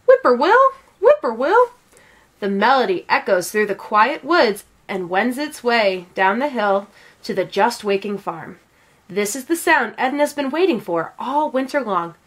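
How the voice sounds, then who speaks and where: A woman with a mid-range voice reads a children's story aloud, keeping her storytelling measured and expressive.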